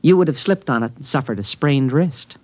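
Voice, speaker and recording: In a 1950s radio drama, a man voices an alien creature protecting a human, speaking in a precise, matter-of-fact, earnest way. His mid-range voice is expressive, brisk and a little mellow, lightly acted. The studio is dry, with no room sound, and music plays in the background.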